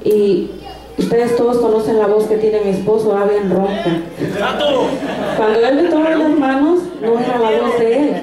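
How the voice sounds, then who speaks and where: A woman's voice: a little high, steady tone, normal speed, crowd noise. A woman giving a personal faith testimony at a church service, telling it earnestly with frequent restarts. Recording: echoey room sound.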